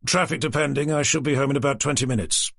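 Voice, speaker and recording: A man's voice: mid-range voice, fast talker, vocal fry, a bit bright, dry recording. A man voicing a stubborn, fearless police detective who speaks in a dry, matter-of-fact way.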